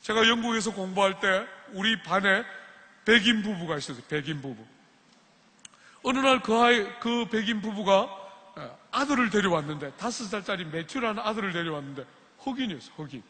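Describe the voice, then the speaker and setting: A man preaching, high-pitched and bright, with a long reverb from a large hall. He tells his stories vividly and acts out the lines of the people in them. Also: fairly quick. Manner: animated storytelling, acts out dialogue. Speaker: preacher at a student retreat. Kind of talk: sermon.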